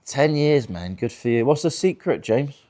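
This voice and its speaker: A man's voice: medium pitch, lively intonation, moderate pace, dark tone. A man in his twenties doing crude, teasing crowd work as a stand-up comedian in a virtual-reality show. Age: 20s. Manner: crude, teasing, laughs often.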